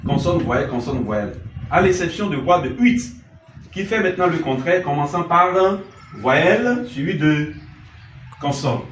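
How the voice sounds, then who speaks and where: A man's voice: on the high side, animated, moderate pace. A man teaching a music lesson, asking questions and answering them himself, and singing note names. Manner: sings note names in scales. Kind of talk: classroom lesson. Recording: echoey room, mic far off, loud noise.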